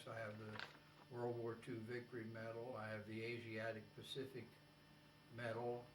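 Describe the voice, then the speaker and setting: An elderly American man, a war veteran remembering his service in an interview, speaks in a halting, measured way with long pauses. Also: medium pitch. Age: elderly, 80s or older. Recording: roomy, distant mic, faint hum.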